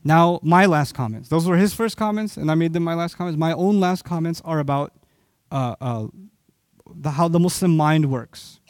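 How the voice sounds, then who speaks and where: High-voiced, impassioned male preacher. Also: moderate pace, a little mellow, dry recording, studio quality. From Pakistan. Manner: impassioned, asks the audience rhetorical questions. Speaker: Islamic preacher. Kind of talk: sermon lecture to an audience.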